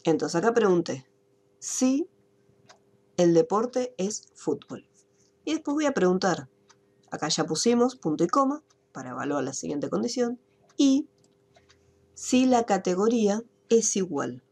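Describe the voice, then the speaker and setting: A woman gives an online spreadsheet lesson. She walks through each step patiently and answers her own questions. Her voice is low, mellow and a little husky, heard through a computer mic. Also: big pitch swings, normal speed. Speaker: teacher. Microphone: computer mic on a video call.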